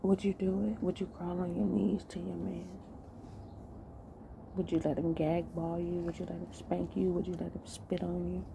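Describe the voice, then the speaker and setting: A woman's voice: lowish voice, little pitch movement, normal speed, gravelly. A woman vlogger talking to her viewers, throwing one rhetorical question after another at them. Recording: noisy background.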